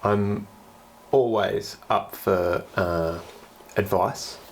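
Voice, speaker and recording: Extremely slow and on the low side, a sniffly man with the flu talks through his DIY wiring inside a small boat cabin. It's casual vlog narration, hesitant thinking aloud while he works with his hands, recorded with a noisy background.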